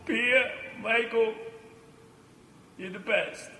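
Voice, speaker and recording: A man giving a mock fan testimonial, gushing and choked up, with halting repeats. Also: very high voice, fairly even intonation. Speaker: podcast co-host. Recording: echoey room with loud music.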